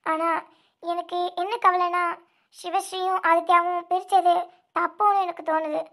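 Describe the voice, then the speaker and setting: Fan audio drama: woman voicing a young snake-woman elder sister, very high pitch, anguished, stammering repeats. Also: level tone, a bit bright. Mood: troubled. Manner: tearful, pleading, halting repeats.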